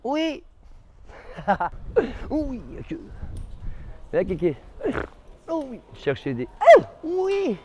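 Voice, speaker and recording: A man's voice: extremely high pitch, huge pitch swings, very slow, long pauses, highs cut off, very noisy. A man chatting and teasing on a rainy city street, swearing often. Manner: swearing, boisterous teasing banter. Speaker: documentary subject, football fan. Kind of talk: casual street chat. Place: outdoors on a city street in rain.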